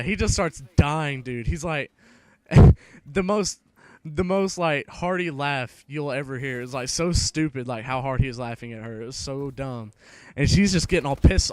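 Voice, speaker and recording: A man's voice: fairly high pitch, dry recording. A young man in his late teens telling a rambling, profane school story while playing a game. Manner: casual, profane, rambling with restarts. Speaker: gaming vlogger. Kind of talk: rambling storytelling over gameplay.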